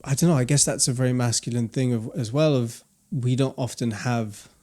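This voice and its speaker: A man's voice: medium pitch, steady tone, fairly quick, dark tone. A young man co-hosting a podcast, chatting casually and reflectively with lots of restarts. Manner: reflective, rambling with many restarts. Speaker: podcast co-host. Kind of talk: casual chat.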